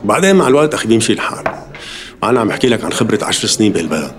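A man's voice: lowish voice, big pitch swings, racing, crowd noise. A man with a Levantine Arabic accent playing a settled immigrant shopkeeper who gives firm, practical advice. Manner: firm, advising, matter-of-fact.

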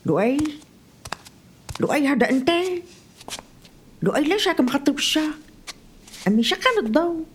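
Brief: actress as chatty elderly Syrian mom, tender, high voice. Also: female voice, sing-song, normal speed, long pauses, a little hiss or hum. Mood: tender, excited. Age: older. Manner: talkative, tender, emotional. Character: lonely elderly mother, warm, chatty, wistful. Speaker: mother. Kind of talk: scripted drama acting.

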